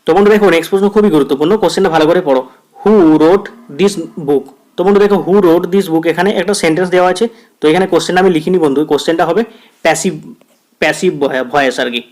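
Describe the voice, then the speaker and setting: Man teaching grammar in a Bengali accent. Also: fairly high pitch. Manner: addresses viewers as friend, repeats phrases; reads English quiz sentences slowly, word by word. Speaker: English teacher. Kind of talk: exam-prep grammar lesson.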